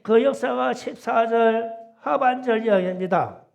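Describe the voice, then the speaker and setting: A middle-aged male pastor giving a storytelling Sunday sermon in a church, folksy and emphatic, dropping to soft asides and rising to loud insistence. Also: extremely high pitch, unhurried, creaky, highs cut off. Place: church sanctuary.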